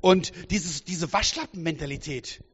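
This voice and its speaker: A man in his fifties preaches a lively, joking sermon in a slightly raised voice, drawing the congregation in with questions. It sounds like a large church hall with long reverb, caught on a dull, muffled recording. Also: fairly high pitch, moderate pace, husky. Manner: lively, humorous, theatrical, talks to the congregation.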